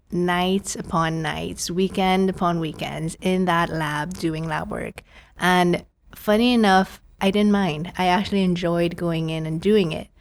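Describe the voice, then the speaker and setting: Her voice is lowish: a woman in her thirties from Trinidad, appearing as a prosthodontist guest on a chatty podcast. She narrates her story and keeps quoting the thoughts she once had.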